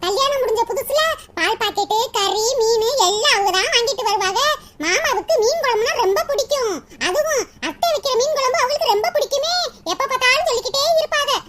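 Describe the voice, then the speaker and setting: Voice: very high-pitched, fast. A performer voicing a chatty young village daughter-in-law with a southern Tamil accent, fussing and calling out around the house. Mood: reminiscing. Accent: southern Tamil, Tirunelveli. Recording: loud background noise.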